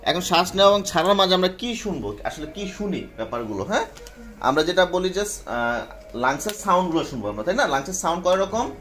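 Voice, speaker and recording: A man's voice: sits high, very animated, a little fast, a bit bright. A man teaching a medical class, often quizzing students and checking they follow. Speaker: medical instructor. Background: students answering.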